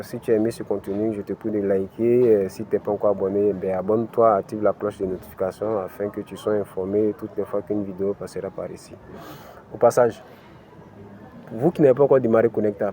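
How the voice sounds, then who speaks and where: A little hiss or hum underlies this man's fairly low, steady, dark voice as he moves a bit quickly through a step-by-step screen-recorded tutorial. He runs a crypto channel, has an African French accent, and says "ok" and "voilà" often.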